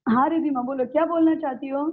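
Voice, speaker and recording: A woman's voice: sits high, fairly even intonation, a little fast. A woman teaching a children's religious class over a video call, coaxing the kids sweetly and leading a recitation line by line. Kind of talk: leading an online kids' class, call and response. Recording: tinny phone-line audio.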